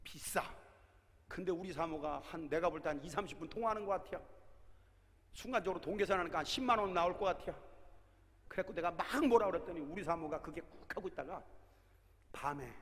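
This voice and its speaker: Male pastor in his 60s, high voice, sermon with shouted outbursts, long hall reverb. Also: fairly quick, pauses often. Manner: animated storytelling with shouted exhortations. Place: large prayer hall sanctuary.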